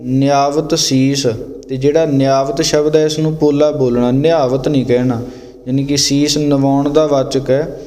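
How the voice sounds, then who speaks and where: Brief: male recitation teacher, mellow dark tone, slightly higher pitch, long reverb on the recording. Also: level tone. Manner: slow, deliberate demonstration of each word. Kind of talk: pronunciation lesson.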